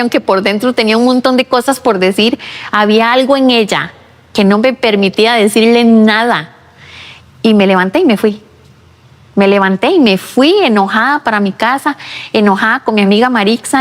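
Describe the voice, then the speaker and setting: A woman's voice: on the high side, a little fast. Woman telling her testimony in a hall. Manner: lively retelling, acting out her own past words. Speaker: testimony speaker. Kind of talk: personal testimony storytelling.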